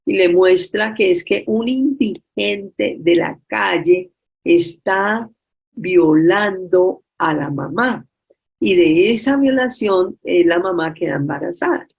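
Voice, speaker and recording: A woman giving a storytelling religious talk over a video call, retelling a story with many filler pauses. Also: on the low side, gravelly, a little mellow, husky. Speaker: speaker at a forgiveness workshop.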